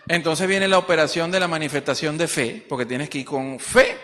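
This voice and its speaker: Male preacher, fairly high voice, animated, acts out quotes, gropes for words; live church sound with long hall reverb. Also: brisk. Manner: animated, acting out quoted dialogue; searching for words mid-sentence. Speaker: pastor. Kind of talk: sermon. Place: church service.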